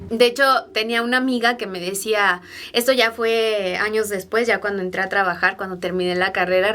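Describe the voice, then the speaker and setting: A woman's voice: on the high side, a bit bright. Chatty young woman vlogger. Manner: chatty, with frequent fillers and asides to viewers. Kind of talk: personal storytelling to camera.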